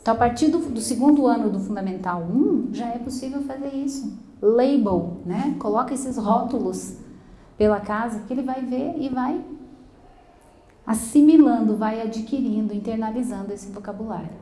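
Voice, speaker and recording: A woman's voice: on the high side, normal speed, mellow. A woman who teaches English, giving an explanatory talk to parents, often checking in with the listeners and slipping in English words. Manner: explanatory, keeps tagging sentences with "né?", mixes in English words. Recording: echoey room.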